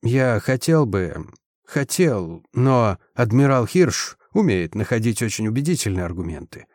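A man voicing a slow, impassive commander. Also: medium pitch, sing-song, a little mellow, no room sound, studio quality. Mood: measured. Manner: slow, measured, weighty. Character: stern massive male military commander, slow and impassive.

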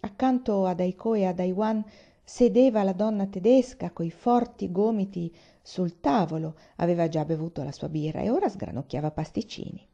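A woman narrates a novel in a measured, expressive reading. Her voice is mellow and warm. The recording is slightly muffled. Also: fairly low pitch. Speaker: audiobook reader. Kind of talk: literary audiobook narration.

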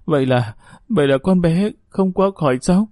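A man's voice: medium pitch, normal speed, dark tone, slightly rough, dry recording, studio quality, natural voice. A man voicing a grieving middle-aged mother who pleads tearfully with a doctor about her daughter. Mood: frantic.

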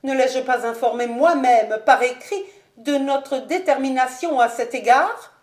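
Imperious noble mother, high-pitched, commanding; a female narrator plays her. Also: expressive, moderate pace. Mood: triumphant. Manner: sharp, raised, imperious. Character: haughty domineering noblewoman mother, shrill and triumphant. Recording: echoey room.

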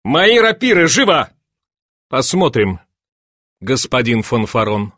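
A man reading an audiobook and voicing an excitable, imperious grand duke who barks orders and laughs. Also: on the high side, takes it slowly, no room sound, clean studio sound, full character voice. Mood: commanding. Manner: commanding, shouting eagerly, laughing.

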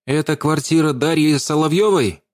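A man's voice: a little high, normal speed, darkish tone, pitched above the performer's own voice, lightly acted. A man voicing a scrawny, sickly man who demands entry insistently. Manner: demanding and pushy.

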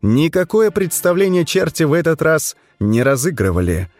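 A man's voice: a little high, big pitch swings, normal speed, a little mellow. A man narrating an audiobook in a wry storytelling manner. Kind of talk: scripted narration.

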